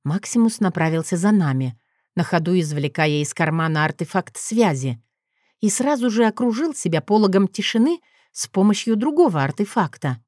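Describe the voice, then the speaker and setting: A woman narrating a first-person fantasy audiobook in an even, measured reading. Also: on the low side, dry recording, clean studio sound.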